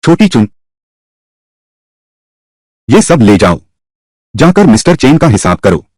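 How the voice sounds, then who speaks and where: Husky man dubbing every role. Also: sing-song, slow, darkish tone, no echo. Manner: voices every character himself with shifting pitch. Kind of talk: single-voice dub of a drama.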